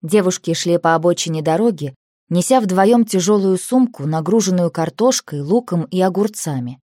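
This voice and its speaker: A woman narrating an audiobook in a calm, even reading voice. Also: fairly low pitch, normal speed, no room sound, studio quality.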